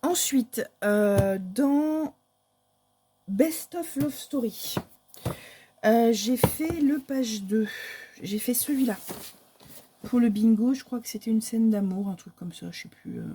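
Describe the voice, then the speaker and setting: A woman's voice: fairly high pitch, takes it slowly, long pauses, noisy background. A woman, casually showing her month's coloring pages in a chatty, hesitant way with many fillers. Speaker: crafting vlogger. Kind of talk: casual show-and-tell of coloring books.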